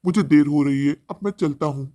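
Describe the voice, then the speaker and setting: A man's voice: a little high, brisk, dark tone, lightly acted. A man voicing a remorseful grown son who speaks in an earnest, pleading way. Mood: resolute.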